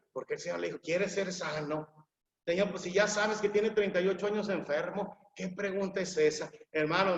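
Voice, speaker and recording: A man with a high voice preaches a sermon, repeating each point with emphasis and calling often to his listeners. He speaks in a big, echoey church hall, and the recording sounds dull and muffled. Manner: repetitive, emphatic, calls the listeners "hermanos".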